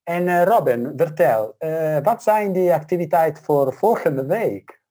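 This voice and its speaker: A man hosting in casual chat, halting and searching for words. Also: fairly high pitch, animated, mellow. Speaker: host.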